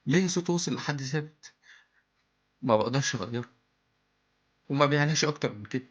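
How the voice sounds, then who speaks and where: An actor playing a melancholy toy in a plaintive, hammy theatrical stage monologue, with an Egyptian accent. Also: male voice, medium pitch, lively intonation, a little fast, slightly rough, lo-fi sound. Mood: anguished frustration. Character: melancholy male toy lamenting its lifeless painted existence.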